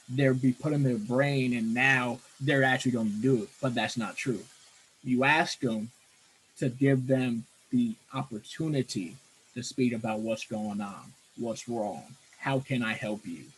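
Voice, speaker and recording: A man explains in a measured, earnest tone, as a guest on a talk show. His pitch sits in an ordinary middle range. A faint hiss runs under the recording. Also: low-quality recording. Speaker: guest, college career counselor.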